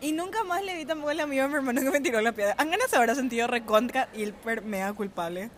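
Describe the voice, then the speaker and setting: A woman's voice: sits high, lively intonation, fast, slight background noise. A young woman in her twenties with a Paraguayan Spanish accent, telling a story in casual podcast chat, acting out voices and laughing often. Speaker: podcast co-host.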